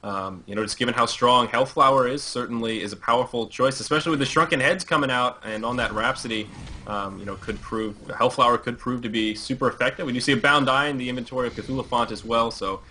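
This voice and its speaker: Bright, easygoing male game caster. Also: mid-range voice, quick pace, slight background noise. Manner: easygoing, joking, stumbles and restarts. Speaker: esports caster. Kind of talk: live game commentary. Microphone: headset over voice call.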